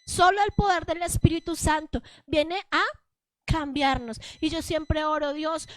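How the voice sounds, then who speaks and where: High-voiced woman preaching a lively sermon. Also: dry recording. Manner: animated, asks the congregation "¿sí o no?".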